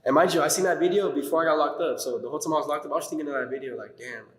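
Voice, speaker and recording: A man's voice: a little high, racing, fairly bright tone. A young man being interviewed as a rapper, chatting casually in slangy, profane skater-dude style in an echoey room. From Tulare County, California. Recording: echoey room with long reverb.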